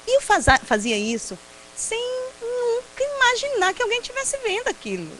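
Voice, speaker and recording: A Brazilian woman with a Brazilian Portuguese accent, giving a personal testimony talk at a prayer group, telling stories in a lively way, laughing often and acting out what people said. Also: very high-pitched, moderate pace, a little hiss or hum, poor audio. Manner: lively storyteller who laughs often and acts out quotes. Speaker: invited speaker at a prayer group.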